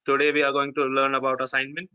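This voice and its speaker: A man's voice: medium pitch, monotone, quick pace, sharp tone, clean tone. A man with a North Indian accent giving an informal step-by-step tutorial, often checking that he is understood. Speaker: programming teacher. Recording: dull, lo-fi online call audio.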